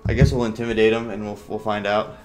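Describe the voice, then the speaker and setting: A man doing casual, halting game commentary in a low-key, rambling way, his speech slightly impeded by a sore, swollen mouth. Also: flat delivery. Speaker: gamer commentating an online battle. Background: game music.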